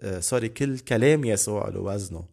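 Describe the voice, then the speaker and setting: A man's voice: fairly low pitch, quick pace, creaky, darkish tone. A man teaching the Bible on a podcast, earnest and repeating key words for emphasis. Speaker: preacher.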